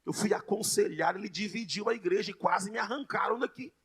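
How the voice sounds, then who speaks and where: High, bright-voiced shouting Brazilian preacher. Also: male voice, brisk, husky. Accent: Brazilian Portuguese. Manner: storytelling that builds to shouted proclamations; speaks in tongues. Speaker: pastor. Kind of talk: Pentecostal preaching.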